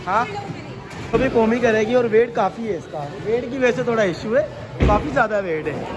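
A young man talks casually with a joking, helpful manner, giving quick pointers. His voice sits high for a man. Crowd chatter carries clearly behind him. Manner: joking, instructive when showing bowling. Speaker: vlogger's brother. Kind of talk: casual chat. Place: car, then indoor bowling alley. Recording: crowd noise in the background.

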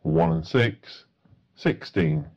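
A man's voice: rumbling low, expressive, very slow, muffled recording. A man working as a bingo caller, announcing numbers in set phrases with a matter-of-fact delivery.

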